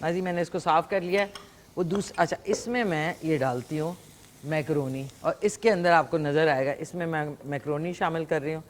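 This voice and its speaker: Speaking in a low voice with slight background noise, a woman hosts a live morning broadcast. She teases and chats with callers while demonstrating a dish in the studio kitchen, wearing a lapel mic.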